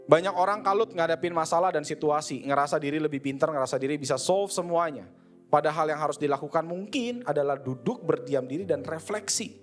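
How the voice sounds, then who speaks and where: Preacher, man, Jakarta accent, relaxed conversational sermon, acts out self-talk, light music behind. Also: a little high, fairly quick. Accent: Jakarta Indonesian. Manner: conversational, slangy, acts out inner dialogue. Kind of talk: casual sermon. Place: church service.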